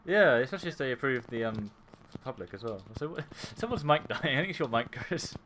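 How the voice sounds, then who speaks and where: A man's voice: mid-range voice, lively intonation, brisk, fairly bright tone, a little hiss or hum. A young man co-hosting a casual chat about their game, easygoing, with frequent laughs and hesitant fillers. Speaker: co-host playing the game. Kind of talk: casual chat over gameplay.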